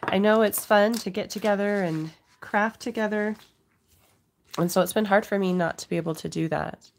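With a mid-range voice at a moderate pace, a middle-aged host gives viewers a casual craft demonstration at her craft table at home. She has a cold, and a cough breaks through occasionally.

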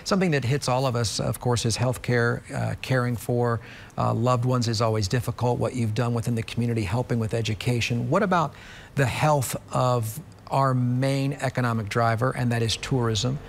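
A man's voice: mid-range voice, fairly even intonation, normal speed, creaky, slight background noise. A man hosting a television interview show, leading into questions with polished segues. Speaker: TV show host.

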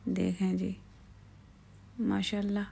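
A woman's voice: mid-range voice, monotone, takes it slowly, vocal fry, warm tone, husky. A woman hosting a home cooking channel, explaining each step in a chatty, casual way with frequent fillers, cooking outdoors at night.

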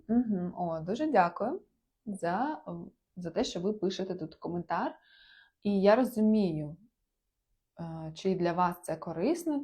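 A woman's voice: mid-range voice, a little mellow, husky. A woman teaching a live-streamed language lesson in a chatty way, checking often that her viewers follow. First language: Ukrainian. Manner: chatty, repeats "так?" to check understanding.

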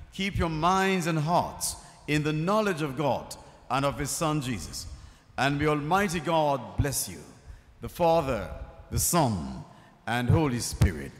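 A man leading funeral committal prayers as a priest, in slow, measured liturgical recitation. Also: on the high side, big pitch swings. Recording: reverberant space with faint music.

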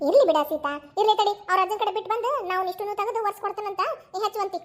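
A fussy cartoon grandmother, voiced by a woman, with a North Karnataka Kannada accent. She talks very high and at a racing clip, scolding and coaxing in turn. Her patter stays busy and quick. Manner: chiding yet coaxing, fast. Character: fussy doting grandmother, mother-in-law. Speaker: cartoon voice actor. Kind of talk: cartoon voice acting.

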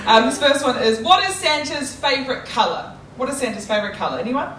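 A woman's voice: high-pitched, expressive, quick pace, far from the mic, slight background noise. A young woman with a New Zealand accent performing a chatty, self-mocking stand-up comedy set on a theatre stage. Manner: chatty, self-mocking, bursts into loud shouting. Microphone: handheld mic. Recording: roomy theatre sound with crowd laughter. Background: audience laughing.

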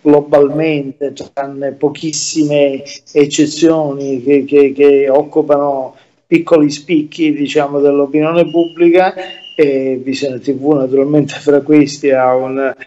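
A man giving his views as a guest in a remote interview, speaking haltingly with many fillers and repeated words. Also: on the high side, little pitch movement, mellow, muffled recording.

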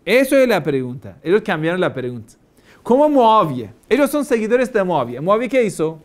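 This Shia cleric's voice sits high and has a sing-song lilt, moving at normal speed. Lecturing on religion, he leans on repetition and fires off rhetorical question after rhetorical question to stress his message.

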